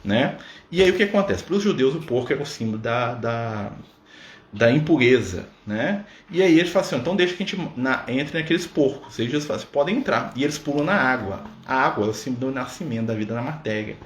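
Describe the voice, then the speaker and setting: Fast-talking man in an echoey room. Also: mid-range voice, animated. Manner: conversational, full of "né?" and "tá?" asides. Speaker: Spiritist study leader. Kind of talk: casual teaching talk on a live stream. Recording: roomy sound with faint background noise.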